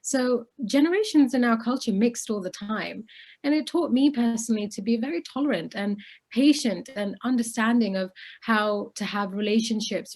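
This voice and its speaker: A Bangladeshi woman in her twenties, medium-pitched with a darkish tone, appears as an interview guest. In a conversational exchange, she shares her opinions earnestly and articulately.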